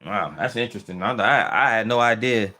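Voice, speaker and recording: His voice is lowish, bright and forceful, and he talks briskly. As host of a relaxed livestream, he answers viewer comments with frequent fillers and restarts, musing aloud in an easygoing, questioning manner.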